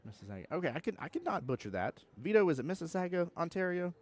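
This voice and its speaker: A man's voice: on the high side, very animated, fast, darkish tone. A young man from Georgia with a Southern accent, commentating a pool tournament on a live stream and chatting with viewers in a joking, laid-back way. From Georgia, USA. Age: young adult.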